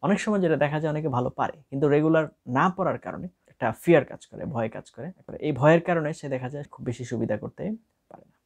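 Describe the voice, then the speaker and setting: Casting: young adult Bangladeshi-accented man, tutor voice, quick delivery, gravelly texture, mixes English phrases into his lesson. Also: on the high side, a little mellow. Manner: explaining with many English phrases mixed in. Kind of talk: spoken lesson to camera.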